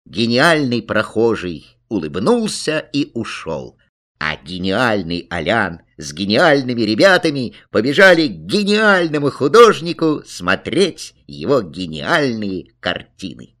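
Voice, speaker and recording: A man narrating a children's story with an expressive delivery. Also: medium pitch, measured pace. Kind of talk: storybook reading.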